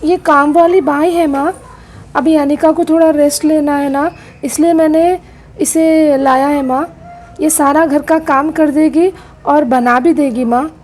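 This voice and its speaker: A woman voicing a caring young husband who reasons calmly and firmly in a doll-play soap drama. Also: sits high, a little slow.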